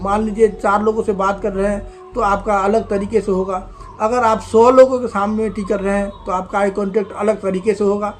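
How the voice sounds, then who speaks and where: A man giving a motivational lesson on communication, talking emphatically, repeating his points and calling his viewers friends. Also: high voice. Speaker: communication skills coach.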